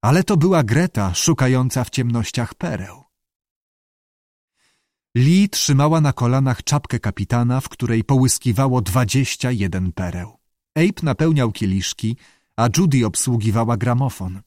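A man narrating a novel in a measured, expressive reading. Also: mid-range voice, no echo, clean studio sound. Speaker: audiobook narrator. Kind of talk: scripted narration.

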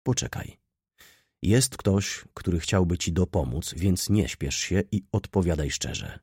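A stern, brooding middle-aged merchant, terse and commanding, in a very low, dark and husky voice, as a male narrator reads him. His lines come quietly, even lower than the narration. The sound is close and dry. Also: measured pace, no room sound, full character voice. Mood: grave, stern.

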